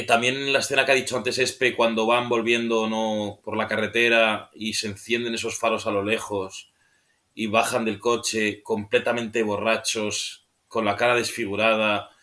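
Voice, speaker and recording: Bright-voiced man rambling about films. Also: medium pitch. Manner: unscripted, rambling, searching for words; ends phrases with a questioning tag. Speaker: film podcast panelist. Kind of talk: casual film discussion.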